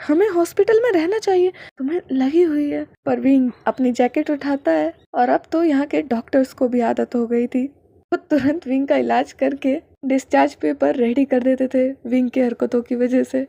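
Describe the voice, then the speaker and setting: A woman storyteller reads a fan story aloud in a steady, plain voice. Her pitch sits on the higher side, and her tone is mellow and warm. The sound is close and dry. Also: normal speed, vocal fry, no room sound.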